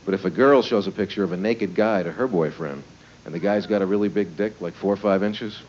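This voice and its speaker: A man's voice: deep voice, a little fast, a little mellow. A man doing live stand-up comedy with leering, smutty joking, conversational and full of rhetorical questions. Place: live stage before a laughing audience. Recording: noisy, muffled live club recording.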